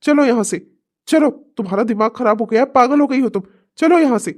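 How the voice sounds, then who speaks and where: A woman's voice: fairly high pitch, lively intonation, a little fast. A woman voicing a frantic scolding husband. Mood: angry. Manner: scolding, then begging with folded hands. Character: pleading, frustrated husband chasing his wife. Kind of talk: Hindi cartoon comedy voice acting.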